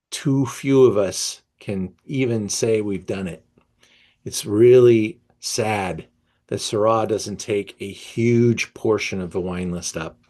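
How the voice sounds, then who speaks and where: A man with a lowish voice hosts a wine tasting. He takes his time, reading the notes slowly. Between the readings he breaks off into eager, halting asides full of ums and restarts. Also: a little mellow. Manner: reads tasting notes aloud, then riffs enthusiastically with fillers. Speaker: wine merchant presenting a tasting. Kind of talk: live online wine tasting talk.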